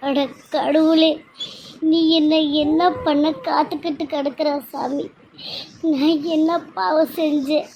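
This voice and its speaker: A woman's voice: high voice, little pitch movement, slow pace, highs cut off. A woman voicing Trisha, a tearful pregnant young wife. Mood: tearful pleading. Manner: pleading, sobbing lament. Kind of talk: cartoon serial voice acting.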